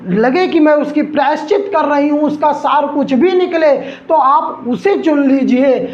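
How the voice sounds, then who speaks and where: A male teacher slowly explaining an exam lesson, repeating lines and calling his students son. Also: very high voice, reverberant, muffled recording.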